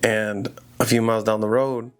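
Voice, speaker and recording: A man's voice: lowish voice, flat delivery, normal speed, smooth. A man casually telling a horror story aloud, in a loose, rambling conversational way full of "you know" and "like".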